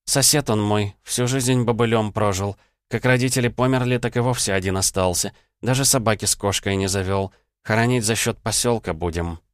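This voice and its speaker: A man voicing a stern, blunt village nurse in an audiobook, scolding and raised in pitch. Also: normal speed, no echo, studio quality, lightly acted. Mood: somber. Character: stern sharp-tongued village nurse woman.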